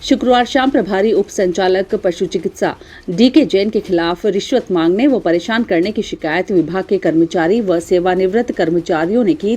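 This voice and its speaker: A woman reading a local news bulletin in a formal, even voice. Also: on the low side. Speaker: news reader. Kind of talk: scripted news narration.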